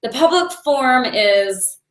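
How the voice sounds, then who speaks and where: A woman's voice: high-pitched, animated, takes it slowly. A woman in her forties giving a chatty, earnest inspirational talk as a meditation teacher, laughing now and then between thoughts. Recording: echoey room.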